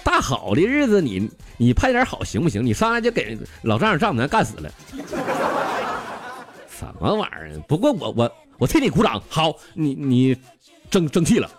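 A male comedian with a Northeastern Mandarin accent tells jokes in a slangy, animated way, stammering through quick restarts. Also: a little high, music in the background. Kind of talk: stand-up joke telling.

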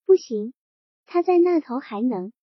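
Woman doing a meek young bride, soft and pleading, husky high voice. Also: lively intonation, measured pace, no room sound, heavily acted. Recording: dull lo-fi recording.

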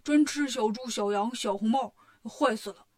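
A woman's voice: on the high side, normal speed, lightly acted. Woman doing a whiny clumsy pig monk. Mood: indignant.

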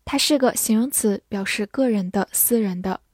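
A woman teaching English vocabulary, spelling words letter by letter and reading sentences slowly for listeners to repeat. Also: medium pitch, a little mellow, dry recording, studio quality. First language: Chinese. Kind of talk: slow, careful vocabulary lesson.

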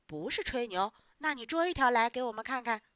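A woman's voice: a little high, expressive, brisk, a bit bright, no echo, clean studio sound. A woman voicing a skeptical know-it-all village boy who challenges another child in a storybook. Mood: doubting. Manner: doubting, challenging.

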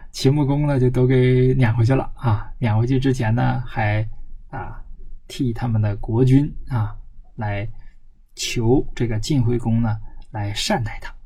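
A man lecturing on a classical text. He reads it slowly, then explains it in plain words, asking himself questions and answering them. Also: mid-range voice, creaky, mellow, slightly rough, poor audio. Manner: asks himself questions and answers them, with many drawn-out filler particles. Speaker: lecturer on classical Chinese history.

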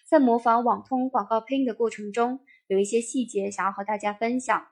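A woman narrating a first-person memoir in a steady, even reading voice. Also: fairly high pitch, brisk, slightly rough.

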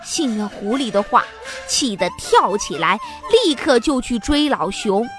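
A woman telling a children's story in an animated, sing-song way. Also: on the high side, a little slow. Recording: music playing behind. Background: background music.

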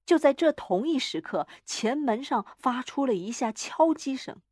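A woman narrating a horror story in a measured, dramatic reading. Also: sits high, animated, darkish tone, dry recording, clean studio sound.

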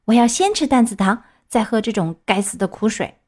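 A woman's voice: fairly high pitch, expressive, brisk, a little mellow, breathy edge. A woman voicing a stubborn, whining wooden puppet boy who refuses his medicine. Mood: whiny stubborn. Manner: whining, bargaining.

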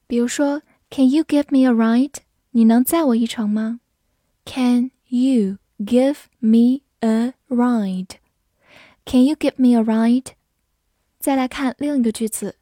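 A woman teaching English vocabulary in a slow, careful way, spelling out words letter by letter and repeating them. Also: a little high, warm tone, no room sound, studio quality. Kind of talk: vocabulary lesson.

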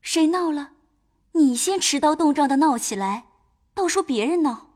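An actress playing a composed, sensible young lady in an audio drama, speaking in a gentle, reasoning tone. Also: high-pitched, animated, moderate pace. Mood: persuading.

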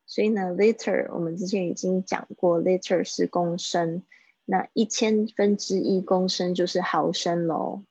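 A woman teaching English phrases in a live-streamed lesson, chatting and slowly repeating phrases for practice. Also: on the low side, fairly even intonation, darkish tone, breathy edge, no echo, highs cut off.

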